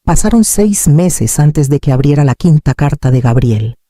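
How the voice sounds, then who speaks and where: A man narrating a dramatic story in a slow, solemn, expressive way. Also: on the high side, no echo, clean studio sound.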